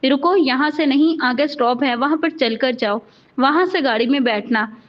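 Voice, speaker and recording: A woman's voice: high-pitched, moderate pace, lightly acted. A woman voicing an arrogant, short-tempered young husband in a storybook reading, curt and scolding. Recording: dull lo-fi recording.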